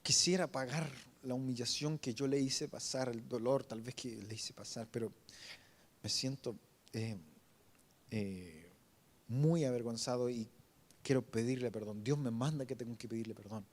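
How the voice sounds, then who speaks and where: A middle-aged man, preaching a heartfelt personal testimony in a halting, emotional way with frequent restarts. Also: mid-range voice. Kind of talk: sermon testimony.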